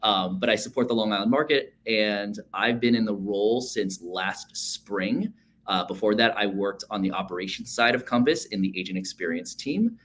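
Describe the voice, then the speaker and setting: A man in his thirties talks in an upbeat, easygoing way, with a lower pitch and plenty of fillers. The sound comes over a video call, with a faint hum of noise behind him. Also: moderate pace, fairly bright tone. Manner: upbeat, conversational, frequent fillers. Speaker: associate sales manager, guest.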